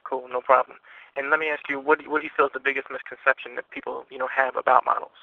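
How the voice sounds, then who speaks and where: A man interviews someone by phone in a relaxed, informal style, often offering brief acknowledgements. His medium-pitched voice is level, creaky, and racing, with no echo, heard through a muffled, narrow phone line.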